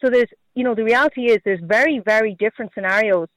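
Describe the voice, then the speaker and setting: On a dry, poor-quality recording, a man with a high, fairly bright voice speaks at a quick pace. He is a party politician from Galway with a west of Ireland accent, and in this radio interview he stumbles, repeats points, and keeps saying "you know" and "like".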